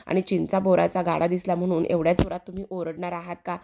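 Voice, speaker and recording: A woman reading puts on a young husband who teases and mildly scolds his wife with affection. The voice stays low and gravelly, close to the reader's own. It is a spoken retelling of a TV serial. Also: flat delivery, quick pace, background noise. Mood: indulgent. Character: fond, gently mocking young husband.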